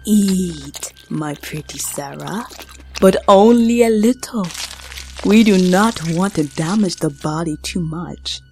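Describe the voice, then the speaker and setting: A devil-serving woman in a radio play, cold and gloating, lowish, very slow. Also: darkish tone, a little hiss or hum. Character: menacing woman servant of Satan. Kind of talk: radio drama acting.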